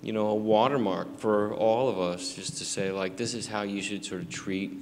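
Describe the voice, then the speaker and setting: At a live screening Q&A in a large theater, an American man in his forties answers audience questions through a handheld mic, halting and rambling with lots of fillers and restarts. His voice is lowish, steady, and darkish in tone, and the casual recording carries long theater reverb and background noise.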